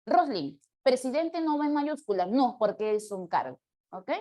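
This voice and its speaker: A fairly high-voiced woman teaches punctuation in a live online class. She explains patiently, slowing down to read example questions aloud and answering students by name. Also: very animated, dark tone. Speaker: language teacher.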